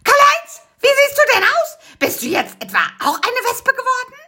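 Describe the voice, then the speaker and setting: A woman voicing a shrill, grumpy old aunt in a storybook reading. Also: sing-song, normal speed, sharp tone, exaggerated voice. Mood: shrill, scolding. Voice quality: shrill, scolding.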